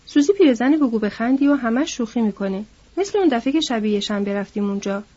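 Woman reading as a chatty young ranch hand, loud, eager, husky, dull lo-fi audiobook sound. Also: a little high. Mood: eager gossip. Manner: loud, lively gossiping.

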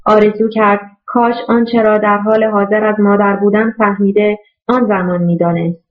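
A woman narrates a novel in a steady, even voice at a middle pitch. The recording sounds dull and lo-fi, like an older audiobook. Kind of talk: scripted narration.

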